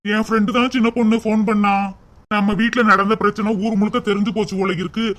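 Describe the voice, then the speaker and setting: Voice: mid-range voice, little pitch movement, fast talker, fairly bright tone, lightly acted. A performer voicing an earnest young village husband in a cartoon. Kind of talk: cartoon voice acting.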